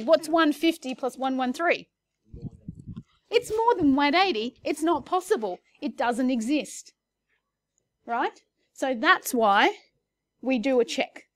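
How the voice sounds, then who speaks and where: Woman teaching a class, slightly high voice, chatty and self-correcting, recorded dry. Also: no room sound. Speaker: maths teacher. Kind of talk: classroom lesson.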